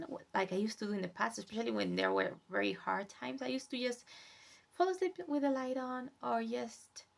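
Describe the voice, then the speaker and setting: Young woman vlogging about self-care, spanish is her first language, a bit high, some vocal fry, soft and thoughtful. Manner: soft, reflective, gentle, drifts into whispers. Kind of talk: casual self-care update vlog.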